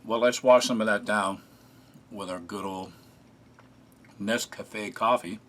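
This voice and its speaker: A man casually narrating a food taste test, relaxed and chatty, often pausing with fillers as he eats. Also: on the low side. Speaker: food reviewer.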